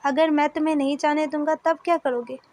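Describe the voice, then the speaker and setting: A woman voicing a calm, firm young man who takes charge in a storybook dub. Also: high voice, fairly quick, lightly acted.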